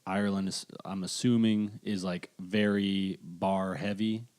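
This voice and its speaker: A man's voice: low-pitched, steady tone, measured pace, a little mellow. A man hosting a podcast, chatting casually in a joking, self-deprecating way. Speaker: podcast host.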